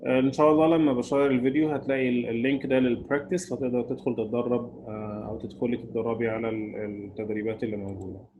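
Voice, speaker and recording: A male English teacher walks through past-tense grammar. He says each example slowly and clearly, then explains it quickly in Arabic. His voice sits at an ordinary middle pitch. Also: steady tone, phone-quality sound. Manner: slow, careful English model phrases, quick Arabic explanations. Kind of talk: bilingual grammar lesson.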